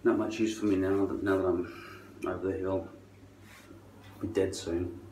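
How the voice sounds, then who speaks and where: Low-voiced man ranting in an echoey room. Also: level tone, moderate pace, mellow. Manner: sardonic, profane. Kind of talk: rambling monologue rant. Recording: distant mic, roomy echo, faint noise.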